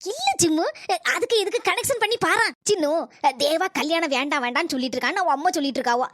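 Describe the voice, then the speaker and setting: A fretful, shrill village mother. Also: fairly bright tone, dry recording, clean studio sound. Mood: worried. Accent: Kanyakumari Tamil. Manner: fretful, fast, dialect-heavy. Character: worried fussy village mother, tearful and anxious.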